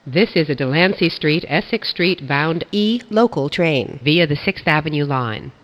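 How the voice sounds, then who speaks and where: A woman reading scripted automated subway announcements in a formal, measured way. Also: low voice, animated. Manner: formal, measured delivery of stop and line information. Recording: dull, band-limited announcement audio.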